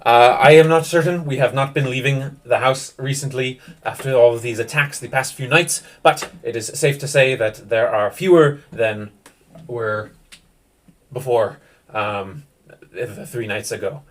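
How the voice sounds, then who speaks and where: A man voicing an earnest, worried young village woman in a tabletop game, speaking in a halting way at a mid pitch. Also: distant mic, natural voice.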